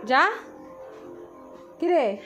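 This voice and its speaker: A woman's voice: sits high, expressive, drawn-out words. A woman, a mother scolding her young daughter at home in a firm, coaxing, repetitive way, with mild threats. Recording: loud music over the voice.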